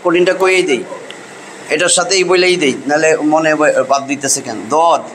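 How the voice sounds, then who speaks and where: High-voiced teacher drilling sounds. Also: male voice, fairly bright tone, slight background noise, poor audio. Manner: drills sounds by slow repetition. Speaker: Quran recitation teacher. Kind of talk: classroom pronunciation lesson.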